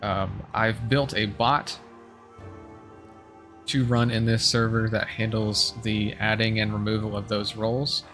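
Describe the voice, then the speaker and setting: A man's voice: on the low side, little pitch movement, measured pace, fairly bright tone, soft background music. A man giving casual announcements as a live streamer, rambling a little and restarting his sentences to correct himself. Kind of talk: casual livestream announcements to viewers.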